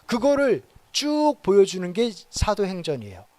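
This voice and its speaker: A man preaching a sermon as pastor, animated, with dramatic quoted exclamations. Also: sits high, moderate pace, dry recording. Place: church auditorium.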